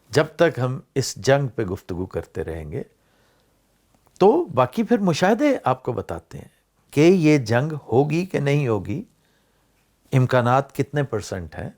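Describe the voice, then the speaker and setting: Older man musing with lively rising emphasis. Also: medium pitch. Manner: discursive, rising and falling emphasis, mixes in English words. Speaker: vlog host. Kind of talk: casual commentary vlog.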